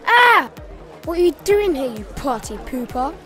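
Woman voicing a high-pitched cocky cartoon boy. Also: big pitch swings, unhurried, a bit bright, soft background music, heavily acted. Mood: panicked. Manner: exclamatory, boyish slang. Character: cocky, excitable young boy hero. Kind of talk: cartoon toy-play character acting.

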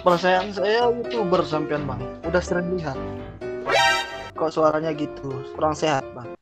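A man's voice: fairly high pitch, moderate pace, loud music behind the voice. A young man, chatting casually in short, laid-back replies on a phone video call. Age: young adult. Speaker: security guard on a video chat. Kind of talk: casual chat.

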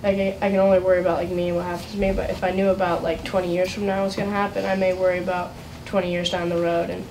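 A woman's voice: lowish voice, little pitch movement, very fast. A teenage girl, a student, speaking hesitantly with many fillers. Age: teens. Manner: hesitant, repeats like. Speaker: student participant. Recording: echoey room from far off with noise.

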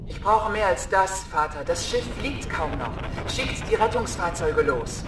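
Bold female fighter pilot, brisk game-cutscene delivery over radio, swooping intonation, echoey over music. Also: lowish voice, lively intonation, background noise. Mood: urgent. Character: bold young female space pilot, military major. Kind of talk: video game cutscene acting. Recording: echoey, distant, music behind.

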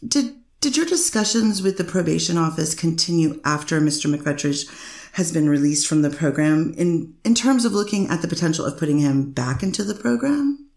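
This woman's low, gravelly, darkish voice is expressive and moves at a normal speed, recorded in a roomy space. She reads the role of a dogged defense lawyer probing a witness with lots of fillers, part of an amateur readers theater take on a court transcript.

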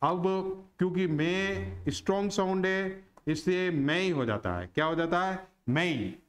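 A man teaching a lesson on word stress, slow and deliberate, who asks questions and answers them himself. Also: high voice, expressive. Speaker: English teacher.

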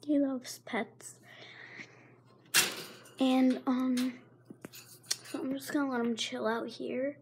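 Filming a relaxed pet vlog on her handheld phone in a carpeted room at home, this teenage girl has a sore throat and keeps rambling, apologizing and half-whispering. She speaks slowly in a high, slightly mellow voice with a steady tone, pausing a lot, over a faint hiss or hum.

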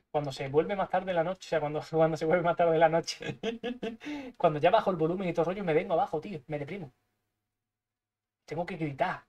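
A young man from Spain with a Spanish accent, giving live gameplay commentary, excitable and swearing, muttering to himself as he plays. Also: fairly high pitch, highs cut off. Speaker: streamer.

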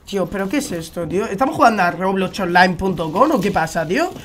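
A man's voice: high-pitched, animated, fast talker, a bit bright. Spanish guy from spain ranting over his game, swearing a lot, exasperated. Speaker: gaming streamer. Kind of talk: live gameplay commentary.

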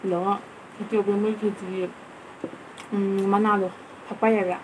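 Fast-talking woman with a mouth full of food. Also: mid-range voice, little pitch movement, a little hiss or hum, poor audio. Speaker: mukbang vlogger. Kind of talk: casual talk to camera while eating.

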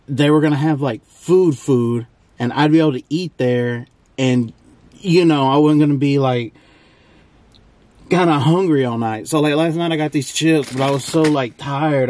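A young man's slightly mellow, mid-range voice carries his casual, rambling travel vlog, and the recording is dry. He films with a handheld or propped camera inside a parked truck and out on trails, and vehicle and outdoor noise come through clearly.

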